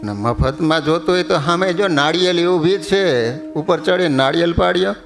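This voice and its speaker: Male preacher, high voice, storytelling sermon, faint music behind. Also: creaky. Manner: storytelling, quotes verses in slow chant. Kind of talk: sermon with humorous stories.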